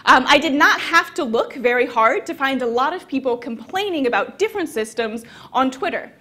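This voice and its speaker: Young woman, high voice, relaxed conference talk, chatty presenter. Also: moderate pace. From American South. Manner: lively, conversational presenter with frequent fillers. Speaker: conference speaker. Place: conference hall.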